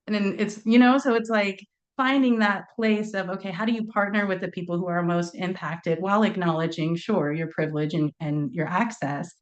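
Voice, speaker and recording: A woman's voice: on the low side, steady tone, moderate pace. A woman speaking as a panelist at an online forum, talking in a chatty, informal way with many fillers, heard over a video call. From United States.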